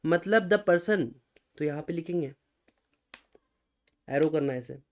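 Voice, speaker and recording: Taking things slowly in a slightly high voice, a male law lecturer with an Indian accent delivers a recorded lecture for exam preparation. He switches between Hindi and English, addresses the class as "guys," and repeatedly asks rhetorical questions before supplying the answers.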